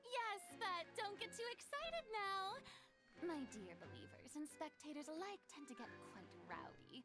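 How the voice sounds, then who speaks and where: A woman's voice: very high voice, big pitch swings, moderate pace. A woman voicing a haughty, theatrical young goddess in a video game, speaking in grand, showy phrases. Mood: grandiose. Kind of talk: game voice acting. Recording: game audio under music.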